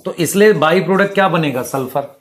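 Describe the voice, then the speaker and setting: A man's voice: fairly high pitch, fairly quick, a bit bright. A male biology teacher, explaining at the board and quizzing students with rhetorical questions. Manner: addresses students as beta and bhai.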